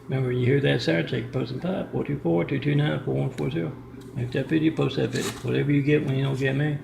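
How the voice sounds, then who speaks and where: Here a fast-talking man with a medium pitch, fairly even intonation, and vocal fry rambles through a monologue to the camera, restarting often and reading off numbers and addresses. It's captured on a camera mic inside an apartment with a kitchen, with reverb and background noise.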